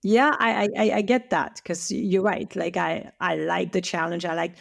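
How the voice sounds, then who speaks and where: A woman whose first language is French, speaking with a French accent, appears as a guest on a podcast interview; she teaches Chinese medicine. Her voice is lowish and creaky, with fairly even intonation and a moderate pace. She talks eagerly and restarts often.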